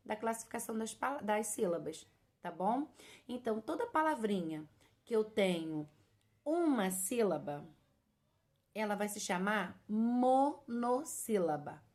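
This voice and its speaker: A woman teacher speaks to young children at a deliberately slow pace. She sounds out words one syllable at a time. She uses fond, diminutive words and often checks that they follow along. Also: medium pitch, darkish tone. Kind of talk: children's lesson.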